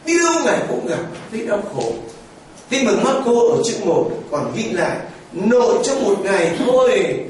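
A man's voice: high-pitched, very animated, moderate pace, a little mellow, a little hiss or hum. A man preaching a sermon as a priest, telling the story with exclamations and vivid storytelling. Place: church. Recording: echoey church heard from far off.

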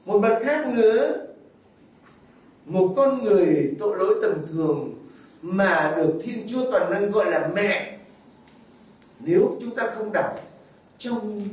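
High-voiced priest preaching in an echoey church. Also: male voice, lively intonation, measured pace, long pauses, a little mellow. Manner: asks the congregation rhetorical questions. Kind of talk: sermon. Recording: very echoey, far from the mic, faint ambience.

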